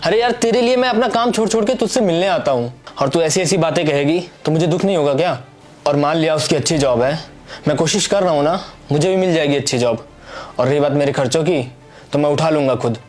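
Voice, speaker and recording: A man's voice: a little high, fast talker, darkish tone, lightly acted. A man acting a jealous married lover who argues irritably with his pregnant girlfriend. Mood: irritated. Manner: irritated, argumentative. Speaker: actor. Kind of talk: Hindi web skit acting.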